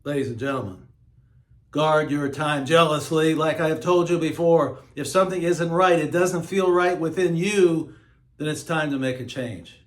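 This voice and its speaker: A man hosting his own show, talking in a slow, emphatic, preachy monologue. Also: fairly high pitch, echoey room. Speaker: host. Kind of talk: monologue to camera.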